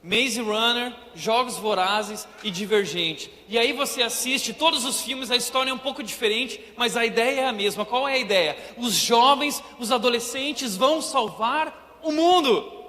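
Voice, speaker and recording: A young Brazilian man preaching an animated, comedic sermon, acting out scenes, in a church auditorium. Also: very high-pitched, moderate pace. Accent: Brazilian Portuguese. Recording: reverberant church hall, faint noise.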